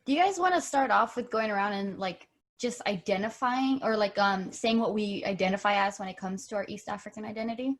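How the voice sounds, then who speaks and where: A woman in her twenties hosting a casual podcast, opening topics in a relaxed, friendly way. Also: mid-range voice, a little fast. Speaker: podcast host.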